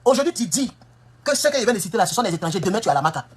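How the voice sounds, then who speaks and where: Speaking in a mid-range, sing-song voice at a racing pace, this American woman is a political commentator in full flight. She scolds emphatically, peppering her impassioned monologue with rhetorical questions, while slight background noise lingers.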